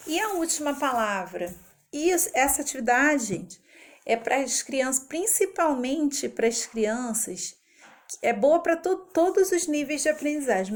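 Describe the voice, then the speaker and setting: A woman teaching a literacy lesson, breaking words into syllables and letters slowly and carefully. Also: a little high. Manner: slow, careful syllable-by-syllable explanation.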